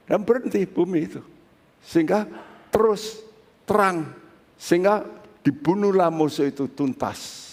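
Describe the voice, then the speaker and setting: A male pastor preaching a sermon in a relaxed, conversational way that breaks into excited high bursts. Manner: slow, conversational preaching with sudden excited rises. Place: church sanctuary. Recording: long reverb of a large hall.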